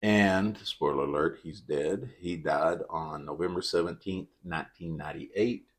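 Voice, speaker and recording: A man with a very low voice tells a true-crime story to his podcast co-host. His delivery is dry and deadpan. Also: unhurried, breathy edge.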